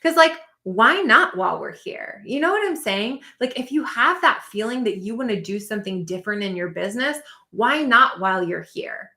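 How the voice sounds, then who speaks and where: A woman in her thirties, a business coach, teaching in a casual, animated way with lots of asides to the listener. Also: a little high, normal speed, few pauses, reverberant. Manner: animated and chatty, lots of "like" and "you know what I mean".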